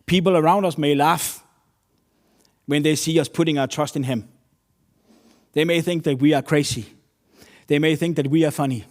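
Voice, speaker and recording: A man's voice: on the high side, normal speed, pauses often. Earnest man preaching a sermon. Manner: earnest, storytelling with non-native English phrasing.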